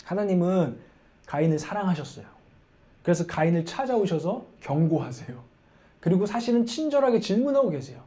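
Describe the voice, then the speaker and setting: High-voiced male preacher, conversational. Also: expressive, fairly quick, mellow. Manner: conversational, asks the congregation questions. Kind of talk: sermon.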